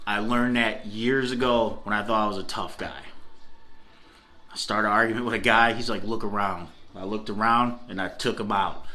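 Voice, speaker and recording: A man's voice: fairly low pitch, bright, forceful tone. A middle-aged man from Cleveland, Ohio telling a bar story in a casual, chatty way, often laughing and checking in with "okay?". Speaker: food reviewer telling a story.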